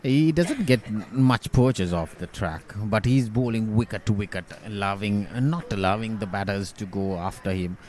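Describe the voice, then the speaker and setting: A man's voice: on the low side, moderate pace, hardly any pauses, a little mellow. A man commentating live on a cricket match, explaining play as a cricket commentator does.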